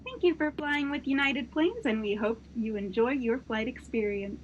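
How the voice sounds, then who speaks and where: A woman's voice: fairly high pitch, lively intonation, normal speed, lo-fi sound, a little hiss or hum, natural voice. A woman playing a snarky flight attendant. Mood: mocking. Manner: snarky, cheeky asides. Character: sassy wisecracking female flight attendant. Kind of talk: comedy sketch acting.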